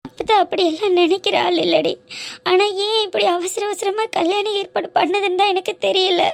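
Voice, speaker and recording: Woman voicing a soft-spoken young student. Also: extremely high pitch, fairly even intonation, fairly quick, creaky. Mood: pleading. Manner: soft, pleading. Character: young female college student, gentle and tearful. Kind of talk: cartoon voice acting.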